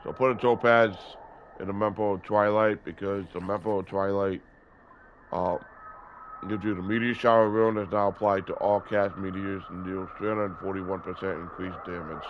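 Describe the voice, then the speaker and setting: A man around his early thirties narrates his gameplay casually in a gaming video, his voice stuffy and sore from a cold, drifting along with frequent fillers and self-corrections. He talks at a normal speed in a low voice with fairly even intonation, on a dull lo-fi recording with background noise.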